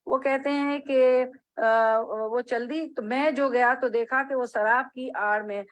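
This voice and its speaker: A woman's voice: high voice, fairly even intonation, rough recording. A woman teaching a religious class, reading a text line by line, explaining each phrase and checking that her students follow. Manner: reads Arabic then explains in Urdu phrase by phrase. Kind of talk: hadith class lecture.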